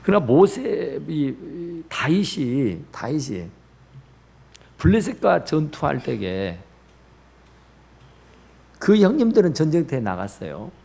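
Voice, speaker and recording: A man's voice: fairly high pitch, big pitch swings, takes it slowly, gravelly, pauses often, darkish tone, slightly rough. A man preaching a sermon as pastor in a church, rising in bursts and dropping to near whispers. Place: church sanctuary.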